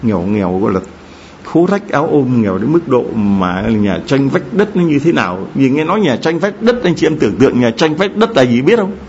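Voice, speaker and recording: Storytelling priest in a dull recording. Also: male voice, brisk, slight background noise. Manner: storytelling, lively, addresses congregation directly with questions. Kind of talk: sermon. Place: church. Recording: dull low-fi sound with faint ambience.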